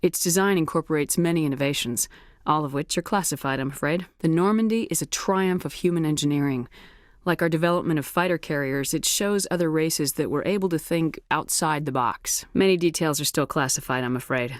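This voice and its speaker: Female military commander for a game, played by an actress: low register, clipped, no-nonsense authority, very dry recording. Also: a little fast, no echo, lightly acted. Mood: composed, formal. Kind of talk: video game dialogue acting.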